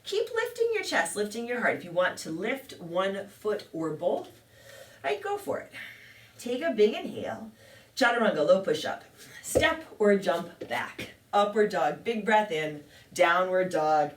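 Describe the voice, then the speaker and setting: A woman teaching a yoga class, calmly calling out poses and breaths with a touch of self-deprecating humor. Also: on the low side, a little slow. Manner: calm cueing with light self-deprecating humor. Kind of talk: guided yoga class instruction. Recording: echoey room, mic at a distance.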